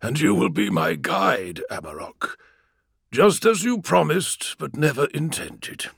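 A man's voice: fairly high pitch, sing-song, unhurried, gravelly, a bit bright, breathy edge, no echo, clean studio sound, pitched above the performer's own voice, full character voice. A man playing a grim, ruthless male sorcerer who speaks in cold, clipped commands.

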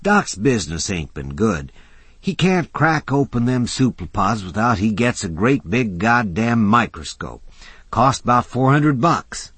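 A scrappy drifter coaxing a deal in a husky, folksy drawl, put on by a male audiobook reader. The voice sits higher than the reader's own and swings up and down with energy. The sound is close and dry. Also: very animated, a little slow, fairly bright tone, no room sound, full character voice. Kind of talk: audiobook character voice.

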